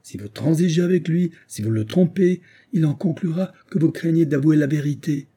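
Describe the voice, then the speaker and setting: A man's voice: on the high side, moderate pace, dark tone, breathy edge, pitched above the performer's own voice. A man reading aloud, voicing an impatient young army captain who speaks with vehement urgency. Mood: urgent.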